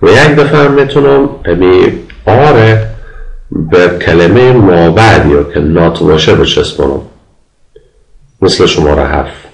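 A man with an Afghan Dari accent giving a recorded grammar lecture, patiently explaining and slowly repeating example sentences. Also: deep voice, animated, gravelly, echoey room, poor audio. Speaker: university English lecturer.

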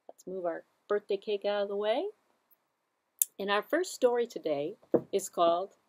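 Middle-aged female kids' host, exaggeratedly bright, unhurried, very lively intonation. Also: medium pitch, no echo. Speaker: children's library story time host. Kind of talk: story time for young children. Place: indoors at a table before a green screen.

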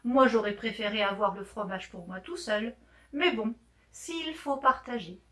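Greedy hungry tiger growling for the cheese, loud-ish and raised, woman reading it. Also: fairly high pitch, unhurried, recorded from a distance. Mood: grudging. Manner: growling, grudging.

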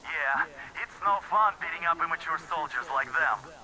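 A man's voice: on the high side, lively intonation, normal speed, pushed and bright, poor audio. A man playing a cocky, eager soldier in a video game, talking in clipped reports through a radio filter.

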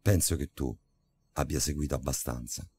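A man voicing a detached, weary male stranger in a spoken horror story, flat and quiet. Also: very deep voice, moderate pace, husky, voice pushed down, full character voice. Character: cold, detached male stranger who lives in the subway.

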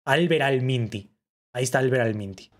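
A man reacting to a livestream clip in casual commentary, excitable and repetitive, often bursting into mock-awed shouts. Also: medium pitch, a little fast. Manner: excitable, shouts in mock awe, repeats himself.

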